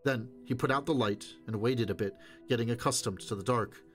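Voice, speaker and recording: Steady man reading a novel aloud. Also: mid-range voice, brisk, soft background music. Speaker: audiobook reader. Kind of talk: novel narration.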